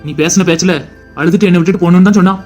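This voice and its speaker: A performer voicing a young husband in a cartoon, bantering quickly with his grandmother. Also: sits high, steady tone, a little mellow, faint music behind, close to an everyday voice. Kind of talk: cartoon voice acting.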